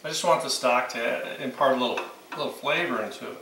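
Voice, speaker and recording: A roomy, slightly distant recording of a man in his sixties in a home kitchen, with faint noise around him. He talks casually and off the cuff as he cooks, in a mid-pitched voice, like a host walking viewers through a recipe. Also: fairly quick, bright, forceful tone. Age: 60s. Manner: informal, unscripted, talking while cooking. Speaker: home cooking channel host. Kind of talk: casual cooking demonstration. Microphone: camera a few meters away.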